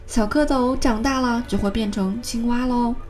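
A woman narrating a children's story in a gentle, expressive way. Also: on the high side, moderate pace, faint music behind.

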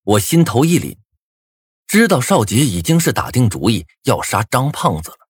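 A man narrating a first-person novel in a dramatic, expressive way, with a husky voice. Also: medium pitch, moderate pace, dry recording, studio quality. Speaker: audiobook narrator.

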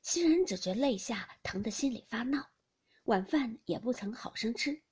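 Woman narrator for a classic novel audiobook: very breathy, lively melody, slips into whispers. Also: fairly high pitch, normal speed. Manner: expressive, with many whispered passages.

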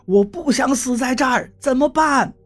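A man voicing a panicky middle-aged Taoist priest who shouts and begs in a flustered way. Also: high voice, sing-song, moderate pace, slightly rough, heavily acted. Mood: panicked. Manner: loud, pleading, flustered.

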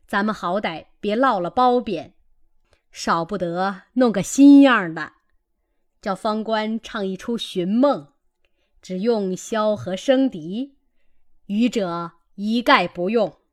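A woman's voice: medium pitch, slow pace, natural voice. A woman voicing an elderly, genial matriarch who commands her household in a classic novel reading. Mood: genial, indulgent.

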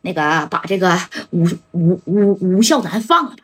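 A woman's voice: fairly low pitch, animated, moderate pace, slightly rough, pitched below the performer's own voice. Woman voicing a pleading gangster boss. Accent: Northeastern Chinese. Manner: begging, stammering appeals. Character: pleading male gang boss, anxious and placating.

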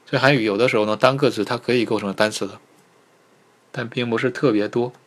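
A male language teacher giving a livestreamed pronunciation lesson, patiently sounding out syllables and repeating them slowly. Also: medium pitch, steady tone, a bit bright. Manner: patient, repeats syllables slowly, asks viewers to type in chat.

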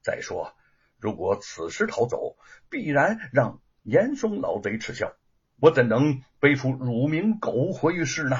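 A man's voice: mid-range voice, sing-song, measured pace, slightly rough, heavily acted. A man doing a defiant impassioned scholar. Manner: impassioned, pleading. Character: defiant earnest young male scholar. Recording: dull lo-fi recording.

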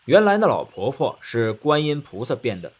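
A man narrating a children's story in a lively, expressive way. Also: mid-range voice, moderate pace, husky.

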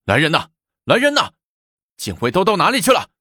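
A man voicing a scheming male court official who shrieks in high, frantic bursts for his guards. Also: huge pitch swings, brisk, no room sound, studio quality, heavily acted. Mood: alarmed, blustering. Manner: shrill frantic shouting.

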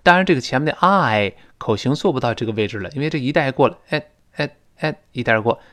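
Patiently walking students through spoken English, this man with a Mandarin Chinese accent says each phrase slowly for them to repeat. His medium-pitched voice is animated and a touch bright.

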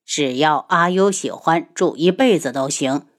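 A woman voicing a warm, eager young crown prince in an audiobook, slightly lowered. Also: measured pace.

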